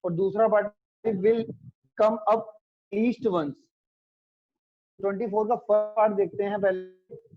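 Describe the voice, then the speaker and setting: A man's voice: high voice, level tone, slow, pauses often, soft background music. A male maths teacher giving an online class, his voice breaking up in choppy, glitchy bursts over a video call, patiently asking questions back. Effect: choppy glitchy audio that keeps cutting out. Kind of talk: online class explaining probability. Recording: dull lo-fi video call line.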